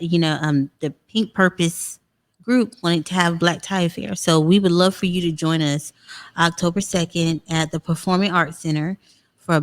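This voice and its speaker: Lower-voiced woman guest, halting speech. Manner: faith-filled, halting, many ums. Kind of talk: casual interview chat.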